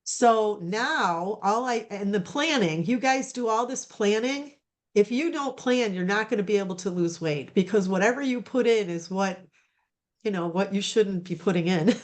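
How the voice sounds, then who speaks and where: A woman's voice: mid-range voice, lively intonation, normal speed. A woman giving a casual personal testimonial over a video call, rambling with many fillers and restarts. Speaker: program client giving a testimonial.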